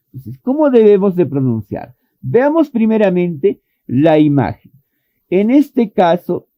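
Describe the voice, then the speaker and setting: A man's voice: a little high, no room sound. A man teaching an online English pronunciation lesson, patiently explaining and repeating vowel sounds as demonstrations. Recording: thin phone-like dry audio.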